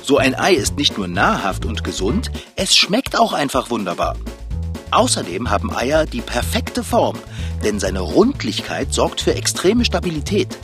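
A man narrating a scripted explainer segment in an upbeat way. His delivery is lively and animated, and clear music plays behind the voice. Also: medium pitch, measured pace.

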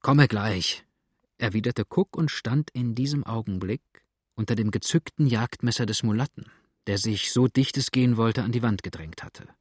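A male narrator reads a story aloud in a steady, even manner. His pitch sits in a middling range. The sound is close and dry, with no room echo. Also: moderate pace, slightly rough. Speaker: audiobook narrator. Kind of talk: scripted narration.

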